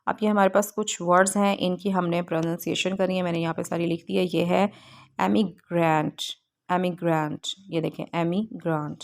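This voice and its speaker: A woman teacher walking students through a textbook exercise step by step, reading English lines slowly with frequent pauses. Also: lowish voice, fairly even intonation, vocal fry. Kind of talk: textbook lesson walkthrough.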